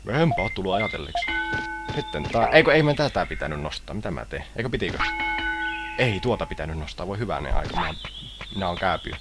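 Goofy Finnish let's player. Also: male voice, sits low, lively intonation. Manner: goofy, keeps voicing the game creatures. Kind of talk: playful game commentary. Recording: loud game music behind.

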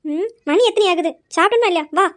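A woman playing a bossy, sharp-tongued mother who scolds her daughters in a comic family skit. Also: very high-pitched. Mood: scolding. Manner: bossy, scolding, quick retorts.

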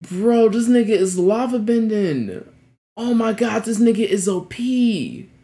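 A man's voice: high-pitched, expressive, unhurried, dark tone. A man in his twenties giving casual reaction commentary in a slangy, exclamatory way. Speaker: reaction video host. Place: small indoor room at home.

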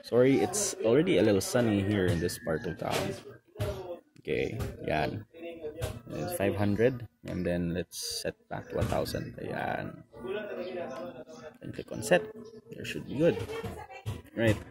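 A man with a Filipino accent, outdoors beside his motorcycle, casually explaining settings step by step with fillers and quick self-corrections. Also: on the low side, big pitch swings, gravelly, over loud music. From Philippines. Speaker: motovlogger. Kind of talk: casual how-to walkthrough. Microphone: camera close to the instrument panel.

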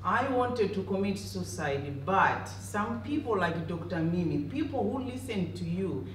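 A Malawian woman, a community health advocate on a panel, addresses an audience in a personal public speech with a medium-pitched, lively voice at a measured pace. She speaks emphatically and rhetorically in short, direct phrases. She's at a conference room panel table indoors, captured by a handheld microphone and a distant camera, so the sound is echoey and distant with faint noise.

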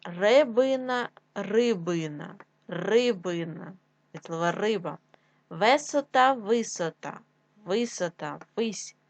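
Woman schoolteacher, slow and deliberate dictation, dry close sound. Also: on the low side, darkish tone, dry recording, muffled recording. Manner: drills word pairs, rising on each choice and dropping on the answer; slow and deliberate, with pauses for writing. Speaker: primary school teacher. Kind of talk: dictation-style lesson.

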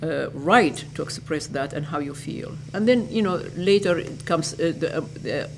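An older woman from Iraq, an educator giving interview answers in a lecture hall, speaking in a measured way and restating her phrases. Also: deep voice, creaky, background noise.

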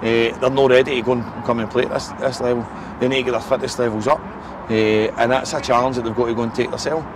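A man's voice: mid-range voice, steady tone, fast. A Scottish man in his forties, a football manager giving a post-match interview outdoors, frank and repetitive, with many eh and listen fillers. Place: outdoors beside a football pitch. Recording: outdoor noise with passing traffic.

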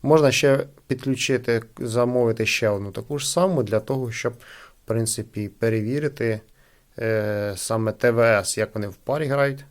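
At a normal speed and medium pitch, a male product reviewer hosts an unboxing with casual, conversational commentary. He hesitates and leans heavily on filler phrases.

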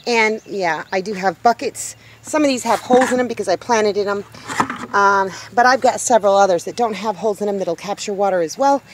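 Outdoors in a rural yard beside a tiny house, a homesteading vlogger in her fifties chats casually to a handheld camera about her garden. She's upbeat and talkative, exclaiming at small discoveries. Her voice is mid-range and brisk, with a slight hiss or hum.

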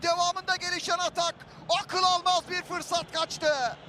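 Screaming football commentator, very high-pitched man. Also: unhurried. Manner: excited, screaming at goals and chances. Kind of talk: live football play-by-play commentary. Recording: noisy stadium ambience behind the voice.

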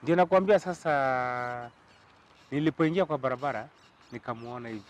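A man's voice: mid-range voice, moderate pace. A young man from Kenya with a Kenyan accent, speaking as an interview guest in an earnest, humble, pleading way. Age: young adult. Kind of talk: pleading personal appeal.

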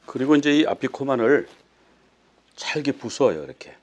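A man's voice: medium pitch, sing-song, moderate pace. A male pastor teaching a sermon, telling the story with frequent rhetorical questions. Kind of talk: sermon teaching on a Passover meal.

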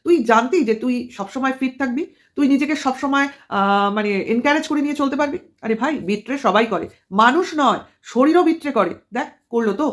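A woman's voice: sits high, brisk. A woman vlogger giving a scolding, mocking commentary full of rhetorical questions. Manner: scolding and mocking, addresses rival as tui. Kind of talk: commentary vlog.

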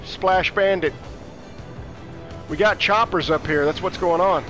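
A man's voice: sits high, unhurried. A man casually commenting on a game as he plays, blunt and sweary, muttering asides to himself. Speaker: gamer playing and commenting. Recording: voice under loud game music and engine noise. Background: game music, jet engines and combat sounds.

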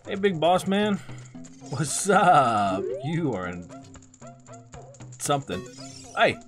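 A man's voice: fairly high pitch, sing-song, slow. A man giving casual, sarcastic let's-play commentary, swearing freely. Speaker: gaming video host. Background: game music.

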